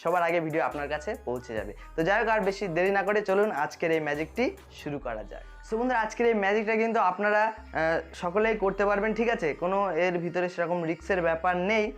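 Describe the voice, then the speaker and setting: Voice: medium pitch, quick pace, faint music behind. A magician host explains a tutorial straight to viewers, often checking that they are following.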